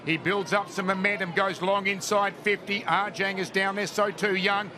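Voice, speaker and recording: An Australian man calls live football with running, descriptive play-by-play, his voice sitting high with fairly even intonation at a normal speed. Crowd noise from an outdoor ground fills the background behind the commentary.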